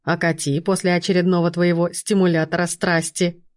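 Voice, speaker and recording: A woman reading a first-person fantasy novel aloud, lively, lifting her voice for the characters. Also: lowish voice, brisk, dry recording, studio quality. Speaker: audiobook narrator.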